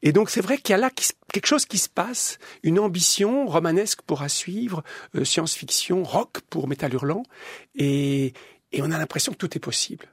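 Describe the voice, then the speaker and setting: A man's voice: fairly high pitch, animated, moderate pace, breathy edge, no room sound, studio quality. A man from Belgium, a comics author answering interview questions, searching for words with many restarts and repeated words. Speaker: comics artist guest.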